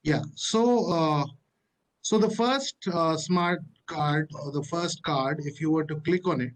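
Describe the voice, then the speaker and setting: Man, slightly high voice, halting presenter demoing software on a video call. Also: poor audio. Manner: halting, with many fillers and restarts. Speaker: platform presenter. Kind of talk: live webinar walkthrough.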